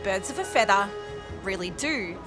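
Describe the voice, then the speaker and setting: A woman's voice: medium pitch, expressive, moderate pace, poor audio. A woman, presenting a science documentary and interviewing volunteers in a friendly, upbeat way, outdoors and on a bus. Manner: upbeat, friendly, clear explanations. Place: outdoors by a beach and inside a parked bus. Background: background music.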